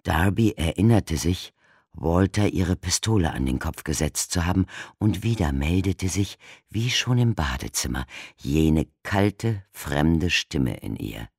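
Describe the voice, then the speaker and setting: A man reading a thriller audiobook in a measured, dramatic narration. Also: low-pitched, lively intonation, vocal fry, husky, dry recording, clean studio sound. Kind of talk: scripted narration.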